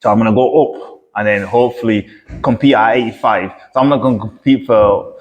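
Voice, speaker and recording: A man's voice: fairly low pitch, fairly even intonation, brisk, long reverb tail, lo-fi sound. A man hosting a casual podcast chat, talking in an easygoing way, repeating phrases and laughing.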